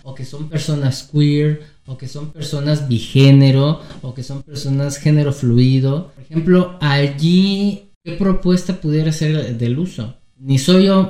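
A man's voice: a little high, dark tone, reverberant. A man, hosting an interview and thinking aloud through long, winding questions. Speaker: interview host, sexologist.

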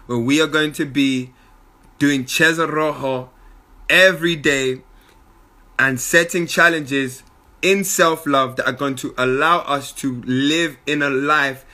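A man giving a lively motivational talk as a spiritual coach, often laughing. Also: medium pitch. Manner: animated, bursts into shouted impressions and laughter.

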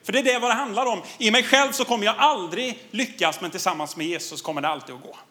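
A man in his thirties preaches to a congregation, telling a story from his own life with lively, animated delivery. His voice sits high and sounds bright and forceful. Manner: animated storytelling, laughs often, audience laughs back. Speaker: pastor. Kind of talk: sermon with personal story.

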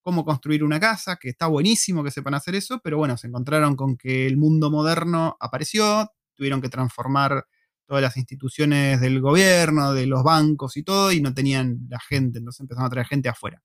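A man's voice: medium pitch, brisk, no echo, clean studio sound. An Argentine man with an Argentine Spanish accent, hosting a live casual chat at home at a desk mic, joking and slangy. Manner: joking, slangy, animated storyteller. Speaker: host. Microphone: desk microphone.

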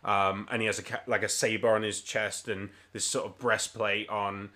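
A man's voice: fairly low pitch, flat delivery, moderate pace, pushed and bright. A man running a tabletop game as game master, describing scenes in a rambling way with lots of fillers.

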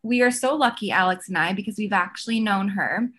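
A young woman co-hosting a podcast, introducing her guest with enthusiastic, gushing warmth. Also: medium pitch, a little fast. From Cape Cod, Massachusetts. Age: young adult. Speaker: podcast co-host. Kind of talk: casual podcast interview.

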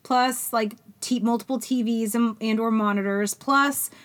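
A podcast co-host in her forties, a Florida mother of teenagers, keeps a casual chat going in a wry, chatty way, clearing her throat now and then. Her voice is on the high side, with fairly even intonation and a measured pace.

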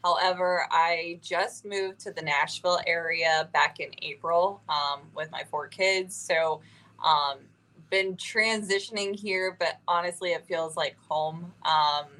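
A woman from Ohio talks about her music as a guest. Her voice sits slightly low, and her manner is earnest and soft-spoken, with pauses and fillers. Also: low-quality recording. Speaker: guest singer-songwriter. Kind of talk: casual interview chat.

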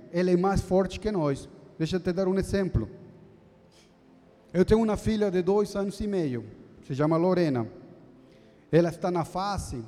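Deacon, Brazilian man in his 30s, earnest teaching sermon; high voice, long echo of a church hall. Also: mellow. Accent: Brazilian Portuguese. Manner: earnest, teaching tone, asks the congregation for assent. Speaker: deacon preaching.

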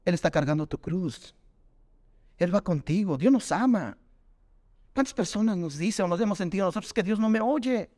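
A male preacher delivers a sermon in a high-pitched voice. He keeps turning to his listeners as brothers and asks them question after question. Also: lively intonation, normal speed, darkish tone. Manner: keeps calling the audience "hermanos" and asks rhetorical questions.

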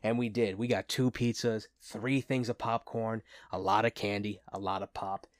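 A man's voice: on the low side, fairly even intonation, normal speed, dry recording, clean studio sound. A man hosting a casual movie review show, talking as an enthusiastic, gushing fan.

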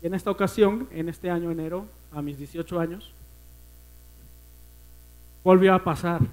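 A man with a Mexican accent preaching a personal testimony at a church service, earnest and emotional, often dropping to a hush. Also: high-pitched, normal speed, low-quality recording. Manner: earnest, emotional storytelling that often sinks to a hushed voice.

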